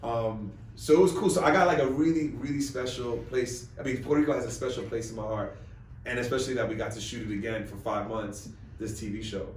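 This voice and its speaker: A man from New York, a lead actor, talking about his show in a quick, animated and jokey way. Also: mid-range voice. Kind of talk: press junket interview. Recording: roomy, distant mic, faint noise.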